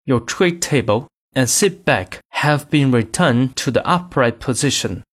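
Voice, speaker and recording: A man reading scripted in-flight cabin announcements in a formal, measured announcer manner. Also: medium pitch, animated.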